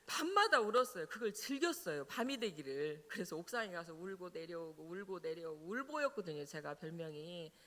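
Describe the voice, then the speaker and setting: A middle-aged woman pastor, telling her own story in a sermon as an animated storyteller who laughs now and then. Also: on the low side, brisk, few pauses. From Jeolla, South Korea. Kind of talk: personal testimony in a sermon. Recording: reverberant church hall.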